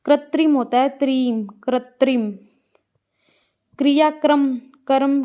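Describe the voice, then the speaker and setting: A woman teaching a Hindi spelling and vocabulary lesson, repeating each word slowly and quizzing her listeners. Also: on the high side, darkish tone, smooth. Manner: slow, drilling repetition with quiz questions.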